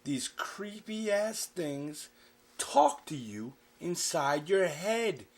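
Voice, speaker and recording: A man voicing his drunk, furious middle-aged father, ranting and swearing loudly. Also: fairly high pitch, very animated, very slow, pitched above the performer's own voice, exaggerated voice. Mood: shouting. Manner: shouting, profane.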